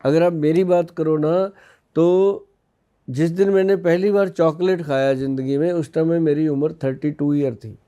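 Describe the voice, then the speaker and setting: A man's voice: on the high side, fairly even intonation, normal speed, mellow, clear, resonant tone, muffled recording. A man from India in his fifties, an Ayurvedic expert on a podcast, explaining in a folksy way with personal anecdotes. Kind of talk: casual podcast interview.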